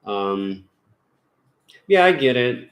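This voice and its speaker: A man's voice: mid-range voice, sing-song, drawn-out words. A man hosting a paranormal investigation channel, chatting casually at home in a rambling way with lots of fillers and restarts. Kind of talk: casual chat. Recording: roomy echo.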